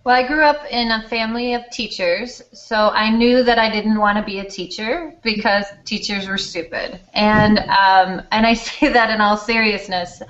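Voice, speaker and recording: A woman's voice: mid-range voice, steady tone, moderate pace, hardly any pauses, a bit bright. A woman from Denmark, an elementary school teacher, telling her story in a candid, self-deprecating, chatty way in an interview. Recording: slightly dull lo-fi recording.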